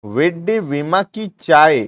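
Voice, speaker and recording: A man teaching a video lesson, dictating English sentences word by word and often asking if it is clear. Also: on the high side, animated, slow pace, a bit bright. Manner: keeps checking understanding with "clear?". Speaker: commerce reasoning teacher. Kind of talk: classroom-style video lesson.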